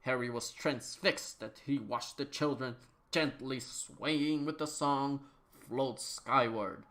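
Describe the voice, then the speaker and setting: Reading an absurd story aloud for laughs, a mid-pitched male narrator hams it up, elongating phrases with pretend seriousness. He goes slowly, with a slightly bright tone.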